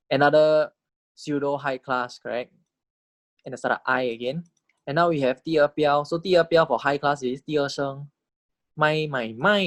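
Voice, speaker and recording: A man's voice: a little high, dry recording. A man teaching Thai vowels and tones in English, who says each word several times and keeps checking with "okay?". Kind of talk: recorded language lecture.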